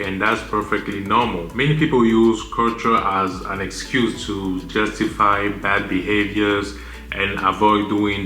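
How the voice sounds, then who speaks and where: Host, male, 30s, from Cameroon, bright lowish voice, echoey room with soft music underneath. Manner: measured, list-style advice with occasional fillers. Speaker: channel host. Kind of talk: scripted commentary to camera. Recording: roomy echo with music bed.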